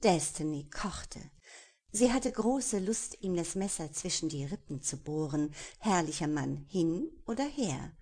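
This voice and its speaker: A woman with a somewhat low voice reads a romance audiobook. Her storytelling is lively, with hushed passages she draws out slowly. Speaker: audiobook narrator. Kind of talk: expressive audiobook narration.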